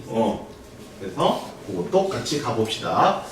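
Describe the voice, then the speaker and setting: A man teaching math to a class, drilling students with call-and-response in a lively lecture. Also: medium pitch, unhurried, far from the mic. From Korea. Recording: echoey room recorded from afar, noisy.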